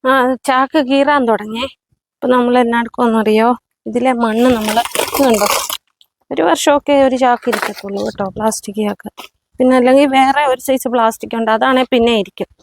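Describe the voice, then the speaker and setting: A woman's voice: on the high side, steady tone, a little fast, background noise. Chatty woman gardening outdoors. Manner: chatty, addresses viewers as friends. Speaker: vlogger. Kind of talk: casual chat while gardening. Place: outdoors in a home yard.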